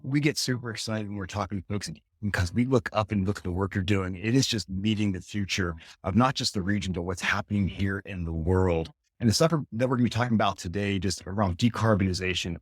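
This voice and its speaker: A man's voice: fairly low pitch, slightly rough, no room sound, studio quality. A man hosting a radio talk show in an upbeat, chatty way.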